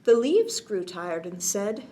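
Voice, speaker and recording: Reading a picture book aloud at a children's bedtime storytime, this woman is gentle and expressive, adds offhand comments, and frequently drops almost to a whisper. She speaks at medium pitch, very animated, and takes her time.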